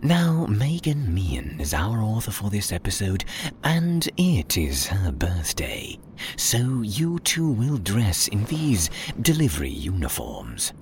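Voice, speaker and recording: A man's voice: on the low side, slight background noise, heavily acted. A man playing a whispering, scheming villain boss. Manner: hushed conspiratorial whisper, then exasperated shouts. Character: scheming male villain leader, theatrical and sneaky. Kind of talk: comedic audio drama.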